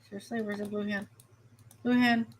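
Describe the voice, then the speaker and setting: A woman meteorologist giving a live weather stream, animated and chatty, repeating herself and reacting to viewer comments. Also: mid-range voice, moderate pace, a little hiss or hum.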